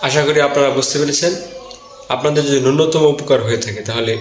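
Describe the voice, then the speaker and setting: Slow, deliberate man teaching pronunciation. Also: mid-range voice, a crowd in the background. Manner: slow, deliberate, repeats words syllable by syllable. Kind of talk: pronunciation lesson. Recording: echoey room with faint background hum.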